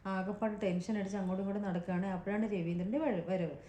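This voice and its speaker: A woman's voice: mid-range voice, fairly even intonation, warm tone, roomy sound, slight background noise. A woman vlogger casually retelling a TV serial episode, chatty, with many fillers. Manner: rapid, chatty storytelling with frequent fillers.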